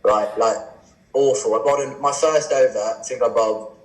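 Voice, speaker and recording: A man in his twenties, a cricketer as podcast guest, telling stories in a casual, animated way and acting out quoted exchanges. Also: medium pitch, moderate pace. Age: 20s. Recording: roomy echo.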